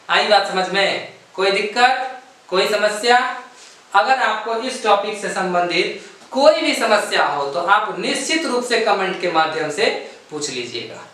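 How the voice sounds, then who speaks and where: High, bright man teaching math in an echoey room. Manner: asks "samajh gaye?" again and again; explains step by step at a board. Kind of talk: classroom math lesson. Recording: echoey room, voice far from the mic.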